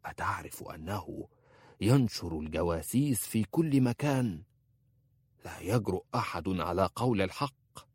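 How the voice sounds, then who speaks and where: A man's voice: sits low, lively intonation, moderate pace, a little mellow, husky, dry recording. A man voicing a blunt, sardonic old male tailor in an audiobook. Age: older.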